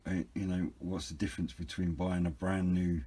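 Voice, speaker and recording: This British man's low voice is level, dark, and slightly rough, moving at normal speed as he casually unboxes a hobby product. He's understated and hesitant, rambling a little while he explains.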